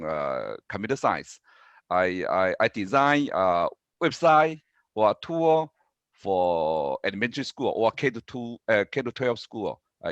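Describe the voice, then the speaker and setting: A man with a Taiwanese accent giving panel remarks as a professor, speaking haltingly and repeating words. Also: on the low side, fairly bright tone, no echo. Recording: dull, dry video-call audio.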